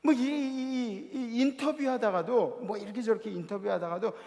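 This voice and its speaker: A man preaching a sermon to a youth congregation, telling stories with lively energy and acting out the shouted lines of the people in them. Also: very high voice, moderate pace. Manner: animated storytelling, acting out shouted quotes. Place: church sanctuary. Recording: long hall reverb of a church.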